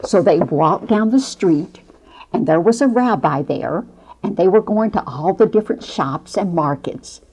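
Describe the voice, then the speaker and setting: Older lady telling kids a bible story, slow and warm, a bit husky, lapel mic. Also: lowish voice, animated, low-quality recording. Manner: slow, earnest, exclaiming storyteller. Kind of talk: children's storytelling with picture boards. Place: small studio before a painted cloud backdrop.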